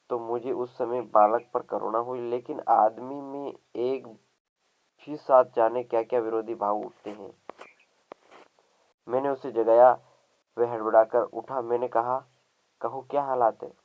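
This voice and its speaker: A man reads a story aloud for exam students as their teacher. His voice sits at an ordinary middle pitch, and he gives the dialogue only a light touch. The recording is dull and lo-fi. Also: steady tone, a little slow, long pauses. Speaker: teacher reading a Hindi story.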